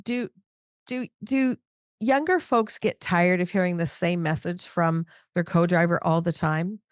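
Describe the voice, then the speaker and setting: A woman's voice: lowish voice, unhurried, clear, resonant tone, no room sound, studio quality. A middle-aged woman interviewing on a podcast, talking thoughtfully with frequent restarts and "you know"s. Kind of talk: casual podcast chat.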